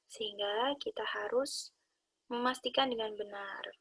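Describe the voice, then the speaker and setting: A woman calmly explaining Quran recitation rules to her students. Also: mid-range voice, measured pace, gravelly, slightly rough. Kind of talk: explaining a lesson.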